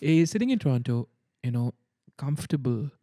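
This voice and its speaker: Mellow man, close dry sound. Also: medium pitch, lively intonation, a little fast, no room sound. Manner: emphatic, repeats words, mixes in Urdu phrases. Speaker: podcast host. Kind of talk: casual conversation.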